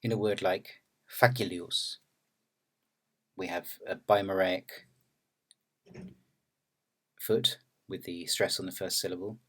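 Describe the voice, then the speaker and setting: Husky-voiced man giving a measured lecture. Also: sits low, steady tone. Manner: measured, explanatory, technical. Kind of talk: academic lecture narration.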